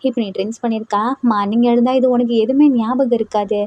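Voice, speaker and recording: A woman's voice: a little high, fairly even intonation, fast, mellow, dry recording, highs cut off, lightly acted. A woman voicing an arrogant young male club DJ who scolds coldly, in a storytelling reading. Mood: annoyed, cold.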